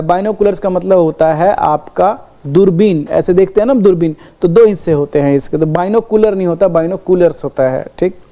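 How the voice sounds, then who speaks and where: In a classroom lesson, a woman teaches English grammar using everyday examples, her voice medium-pitched and mellow. She keeps checking in with "ठीक है" ("okay") and slows right down to spell out the English example sentences.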